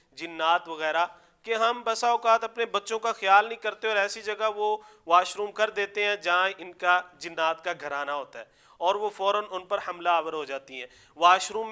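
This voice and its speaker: A young man teaching a recitation class, explaining pronunciation and supplications to his students, then chanting phrases slowly for them to repeat. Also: high voice, bright, forceful tone, clean tone.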